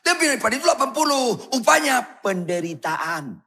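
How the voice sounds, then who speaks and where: Blunt husky male pastor. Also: very animated, brisk. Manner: blunt, provocative, shouts and drops low for effect. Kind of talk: sermon.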